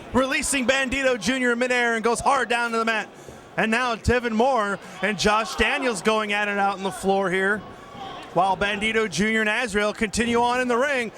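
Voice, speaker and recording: A man calling a live wrestling match play-by-play in excitable, exclamatory bursts. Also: sits high, normal speed. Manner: excitable, exclamatory calls of the action. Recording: noisy arena with loud crowd behind. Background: crowd noise of a live wrestling show.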